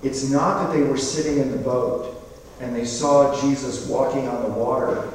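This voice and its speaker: A man giving a sermon in a conversational, storytelling way, with animated asides. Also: medium pitch, normal speed, slight background noise. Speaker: preacher. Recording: echoey hall from far off.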